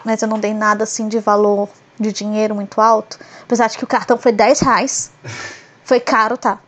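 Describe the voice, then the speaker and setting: A woman's voice: medium pitch, little pitch movement, brisk. A young woman hosting a casual podcast, chatty and joking, often slipping into ironic asides. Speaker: podcast host. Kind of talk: casual solo podcast chat.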